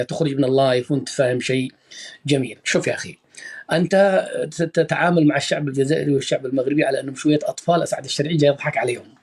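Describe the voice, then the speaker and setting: A man hosting a live stream, calming an angry caller and then lecturing him in an emphatic way. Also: a little high, slightly rough.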